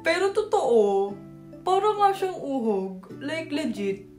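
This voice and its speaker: A woman's voice: high-pitched, big pitch swings, takes it slowly, a little mellow, echoey room, soft background music. A young woman from Batangas chatting casually to camera in a playful, teasing way. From Batangas, Philippines. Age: young adult. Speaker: vlogger.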